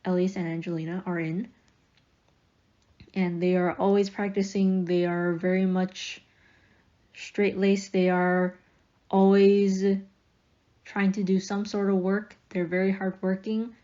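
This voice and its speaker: A woman's voice: mid-range voice, dark tone, muffled recording. A young woman casually narrating a speedpaint voiceover, chatty and rambling, with fillers and light laughs. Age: young adult.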